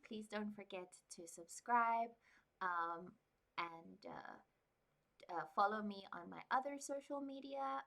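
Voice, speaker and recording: Bright-voiced woman doing a stumbling cold read. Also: mid-range voice, vocal fry. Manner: stumbling cold reading, slips and self-corrects. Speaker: streamer reading a book aloud to viewers. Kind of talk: unrehearsed cold read of a book with casual commentary.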